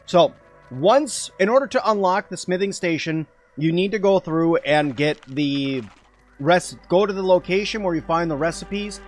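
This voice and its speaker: A man's voice: high-pitched, lively intonation, moderate pace, soft background music. A man streaming a game live, talking casually as he plays and answering chat. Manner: chatty, answers chat while playing. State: eating while talking at times.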